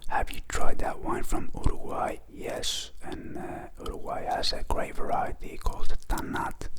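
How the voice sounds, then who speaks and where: Speaking in a soft, close-mic whisper, this ASMR channel host answers questions slowly and fills his pauses with many ums. He is a Greek speaker by first language.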